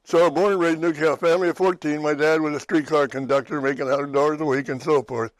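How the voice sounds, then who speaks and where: A man's voice: on the high side, steady tone, fast, no room sound, poor audio. Pennsylvania guy hosting a faith show, rambly, keeps restarting, dry sound. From western Pennsylvania, USA. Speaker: talk show host. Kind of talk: personal testimony chat.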